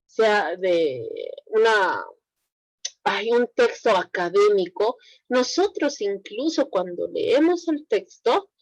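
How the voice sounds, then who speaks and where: A woman teaching a language class online, explaining slowly and often checking in with her students. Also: mid-range voice, lively intonation, no room sound, low-quality recording. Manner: slow, explanatory, asks students frequent check questions.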